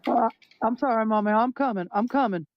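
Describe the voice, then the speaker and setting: A flustered young child shouts apologies and promises to hurry, as a player puts them on in a tabletop game. The voice is loud and stammering. The recording is slightly muffled, with a faint hiss. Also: medium pitch, a little fast, close to an everyday voice. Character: flustered young child answering their mother.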